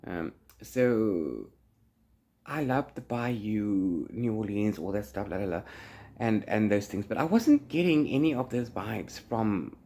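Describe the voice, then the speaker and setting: Here a man of medium pitch and warm tone hosts a casual book vlog. His talk wanders in a theatrical, playful manner, often dissolving into filler like "blah blah" and "la-la."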